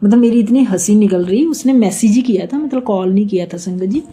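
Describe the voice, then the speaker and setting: A middle-aged woman from India recounts a personal devotional story to her listeners. Her voice is very soft, dark and mellow, sitting at an ordinary pitch. She talks in an earnest, rambling way and keeps turning to her audience. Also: brisk, slightly rough. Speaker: devotee sharing a testimony. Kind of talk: spoken devotional testimony.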